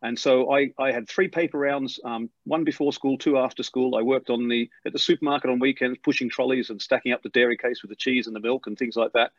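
This airline pilot, a guest in a storytelling interview, talks fast in a mid-range voice, his Australian accent carrying a slight English tinge from years in England. He's an animated storyteller who restarts often. There's no echo, though the lo-fi recording sounds a bit dull.

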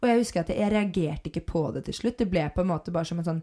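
A woman's voice: lowish voice, warm tone. A woman hosting a casual chat, speaking frankly and heatedly and swearing freely. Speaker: podcast host.

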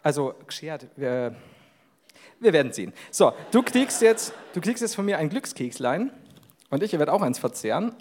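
Bavarian man, live-show comedy co-host, high and bouncy delivery, giggly. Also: moderate pace, a little hiss or hum. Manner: excitable, laughs often, animated. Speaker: podcast co-host on stage. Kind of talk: live comedy podcast banter.

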